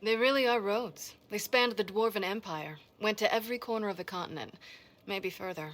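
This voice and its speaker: An actress voices a brisk, self-assured expert in a fantasy video game, delivering her lines in a dry, matter-of-fact way. Her female voice sits at medium pitch, sounds natural, and has a slight brightness.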